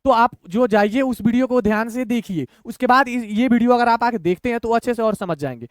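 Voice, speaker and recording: Male online teacher, very high and clear voice, dry close sound, patient syllable-by-syllable drilling. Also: no echo. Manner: slow, patient, breaks words into syllables, repeats "thik hai". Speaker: Hindi reading teacher. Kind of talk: online lesson, syllable-by-syllable reading.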